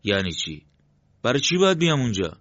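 A man's voice: medium pitch, big pitch swings, fairly bright tone, no room sound, muffled recording, voice pushed up. A man voicing a young man who keeps pressing anxious questions in a storybook reading. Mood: puzzled. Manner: pleading, demanding questions.

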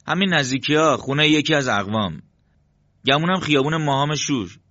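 A man's voice: a little high, lively intonation, bright, forceful tone, dry recording, muffled recording, pitched above the performer's own voice. Man acting evasive young brother, storybook, urging, dodging, raised voice, dry recording.

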